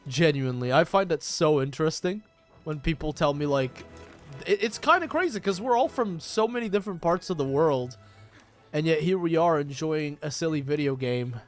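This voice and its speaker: A man with a fairly high voice hosts a casual gaming stream over faint background music. He talks informally, swears freely and banters with his viewers as he plays. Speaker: livestream host, gamer. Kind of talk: casual livestream chat while gaming.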